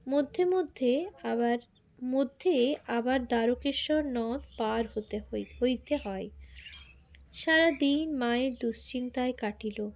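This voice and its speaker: A woman reading a biography aloud in formal prose, slow and measured, with quoted lines spoken in a more everyday tone. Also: high voice, lo-fi sound. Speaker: reader.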